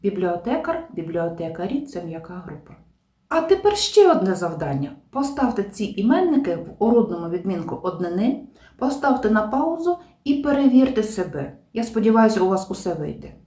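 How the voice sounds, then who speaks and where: A woman gives a grammar lesson with a lively, rising-and-falling pitch. Her tone is mellow and soft-edged. She explains each rule deliberately and stresses every example word. The recording has a roomy echo. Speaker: language teacher.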